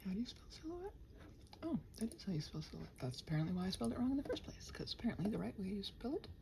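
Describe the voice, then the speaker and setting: Racing along in a sing-song, gravelly voice of medium pitch, a woman rambles to herself over background noise. It's casual body-doubling ASMR from a channel host at work: scattered, muttered, often dipping into a whisper, as she playfully speaks to her computer and quotes made-up exchanges.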